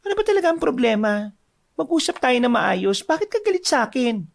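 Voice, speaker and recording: A woman's voice: high-pitched, sing-song, fairly quick, creaky, exaggerated voice. A woman voicing an anxious young village wife who keeps questioning her husband, in a horror audio drama. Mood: pleading. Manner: questioning, pleading.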